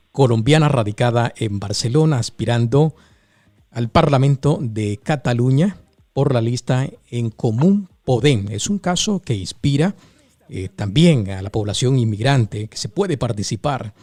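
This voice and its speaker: A man hosting a radio interview, speaking conversationally in measured short phrases. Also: medium pitch, expressive, a little mellow, dry recording.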